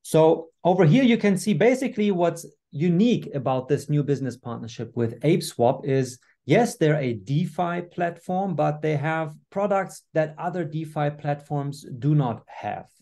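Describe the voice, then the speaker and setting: Webinar host, man, upbeat delivery with fillers; slightly high, mellow voice, video call sound. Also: animated, normal speed, hardly any pauses. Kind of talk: business webinar presentation.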